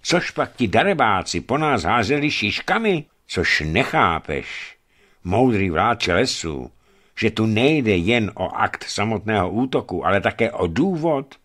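A man's voice: lowish voice, big pitch swings, a bit bright. A man voicing a stubborn, argumentative male expedition member who insists on his point. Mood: insistent.

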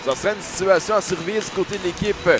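A man with a Quebec French accent doing excited sports commentary as a hockey analyst, in explanatory, wordy phrasing. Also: high voice, fast talker, music in the background.

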